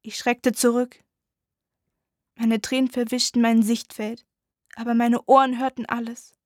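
A woman narrating a dramatic first-person audiobook in a slow, hushed, intense way. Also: fairly high pitch, level tone, no room sound, clean studio sound.

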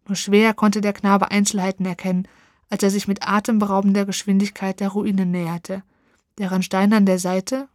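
A woman reading a fairy tale aloud, expressive and dramatic, slowing down for tense moments. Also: mid-range voice, no room sound, studio quality. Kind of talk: storybook narration.

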